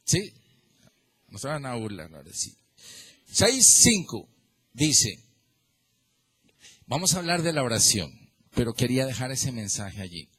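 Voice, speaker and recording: A man with a Colombian accent preaching a sermon as pastor, lively, calling on listeners by name and asking them questions. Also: medium pitch, normal speed, long pauses, breathy edge. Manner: animated, addresses listeners by name, asks rhetorical questions.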